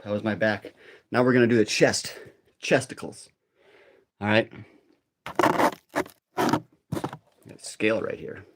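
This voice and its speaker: Man, middle-aged, lowish voice, casual workout livestream host, rambling, conversational. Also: a little slow, pauses often, slight background noise. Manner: rambling, conversational, replying to viewers' comments.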